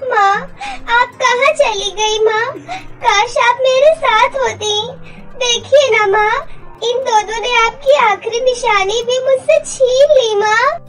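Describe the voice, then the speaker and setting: A woman's voice: very high voice, expressive, unhurried, soft background music, voice pushed up. A woman voicing a sweet, mistreated young girl in a cartoon story, pleading in a tearful voice.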